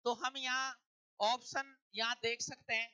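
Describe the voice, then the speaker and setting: Male exam-prep tutor, crisp bright voice, dry close sound, poses and answers his own questions. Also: very high voice, flat delivery, a little slow, dry recording, highs cut off. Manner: explains step by step, asks and answers own questions.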